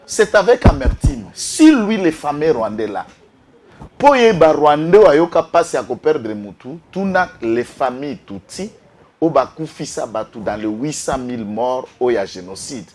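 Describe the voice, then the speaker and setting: Impassioned man, lively pitch. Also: normal speed. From Congo-Kinshasa. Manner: impassioned, switches between French and Lingala, rises to outbursts. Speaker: political guest. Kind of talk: heated political talk show.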